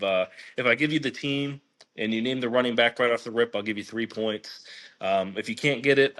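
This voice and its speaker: Guy running a trivia game on a podcast, mid pitch, lots of uhs and restarts. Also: a bit bright. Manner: chatty, lots of fillers and restarts while reading quiz. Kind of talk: casual podcast chat.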